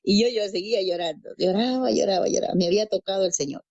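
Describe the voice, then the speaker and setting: A woman's voice: mid-range voice, fast talker, gravelly, a little mellow, no room sound. Peruvian woman sharing her faith story, acts out the voices, dry dull-sounding recording. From Peru. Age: adult parent. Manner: storytelling, acts out quoted dialogue, repeats phrases. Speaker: guest giving testimony. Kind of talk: personal faith testimony.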